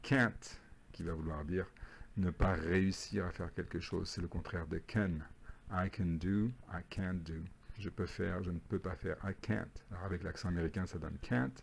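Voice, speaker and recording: A man, an English teacher recording a homework lesson, who patiently repeats phrases slowly. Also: deep voice, steady tone, vocal fry, slight background noise.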